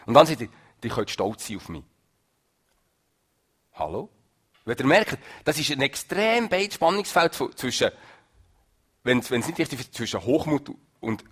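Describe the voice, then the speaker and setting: A man preaching a sermon in a lively, emphatic way, swinging between loud and soft. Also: mid-range voice, husky.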